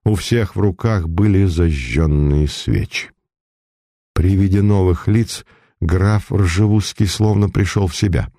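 A man reading a dramatic story aloud as narrator, in a grave, measured way. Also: low voice, warm tone, no echo, clean studio sound.

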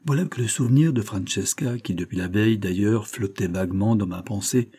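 Husky, dark-voiced male narrator. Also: lowish voice. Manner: measured literary narration. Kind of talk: audiobook reading of a classic story.

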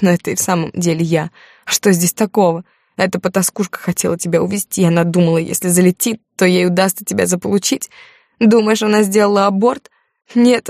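A woman reading an audiobook, voicing a jealous, hysterical young wife in a raised, shrill voice. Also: vocal fry, darkish tone, no room sound, clean studio sound.

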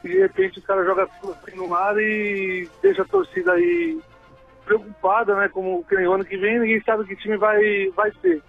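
A man's voice: sits high, very animated, normal speed, vocal fry, husky. A man, calling in over the phone to a radio show and talking hesitantly, tagging remarks with "né". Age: 30s. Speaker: radio caller. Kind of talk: phone-in chat. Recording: tinny phone line, faint music.

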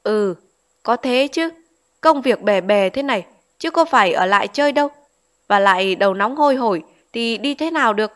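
A woman reading aloud voices a fussing aunt who talks in brisk, scolding chatter. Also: a little high, animated, lightly acted.

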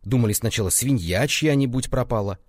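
A man's voice: medium pitch, a little fast, no room sound, studio quality, natural voice. A man voicing a frightened village watchman who babbles breathlessly.

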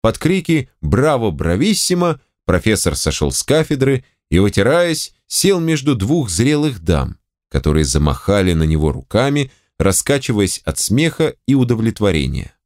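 A man's voice: on the low side, sing-song, moderate pace, a little mellow, dry recording, clean studio sound. A man reading an audiobook aloud, narrating expressively and moving between character voices. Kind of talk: scripted narration.

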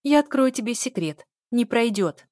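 A woman reading an audiobook voices a furious young woman, shouting bitter and sarcastic lines. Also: on the high side, lively intonation, moderate pace, no room sound, clean studio sound, pitched above the performer's own voice, close to an everyday voice.

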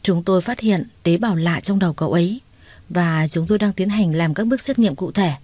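Brief: a grave, formal hospital doctor, read by a woman, mellow dry voice. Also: on the low side, fairly quick, no room sound, lightly acted.

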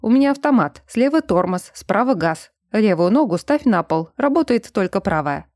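A woman voicing a calm, confident young man who speaks like a patient instructor. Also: mid-range voice, moderate pace, no room sound, clean studio sound, natural voice.

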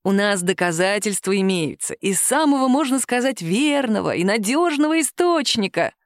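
A woman voicing a calm, caustic male police captain who questions a suspect slowly in an audiobook. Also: medium pitch, no echo, natural voice. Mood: dry. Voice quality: nagging, dry. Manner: slow, calm, measured interrogation.

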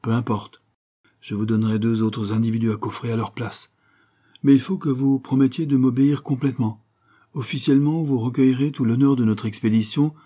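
A man voicing a calm, assured male detective in an audiobook reading. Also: mid-range voice, fairly quick, breathy edge, close to an everyday voice. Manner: dry, assured. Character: calm amused male detective, cool and commanding.

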